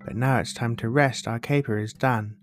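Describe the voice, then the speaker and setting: A man's voice: medium pitch, fairly even intonation, moderate pace, natural voice. A man voicing a playful, happy corgi in a rhyming storybook. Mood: happy, contented. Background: plucked guitar music.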